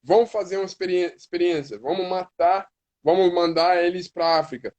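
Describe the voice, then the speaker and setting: A man with a high, slightly mellow voice, heard on a muffled recording, speaks with an American accent as a native English speaker. He's a hip hop artist appearing as a guest in a casual live-stream conversation. His delivery is halting, and he often restarts words while searching for them in Portuguese.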